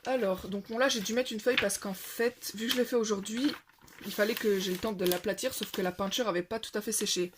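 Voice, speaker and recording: A woman's voice: medium pitch, fast, background noise. Young adult woman, casual coloring-channel host, rambling and full of fillers. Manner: rambling, self-correcting, many fillers. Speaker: coloring video creator. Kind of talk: casual show-and-tell chat.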